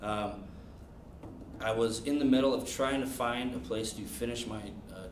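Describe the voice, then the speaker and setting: A man in his thirties, a substitute teacher and coach, giving steady interview answers with many pauses. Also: mid-range voice. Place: classroom, indoors. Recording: distant echoey classroom with noise.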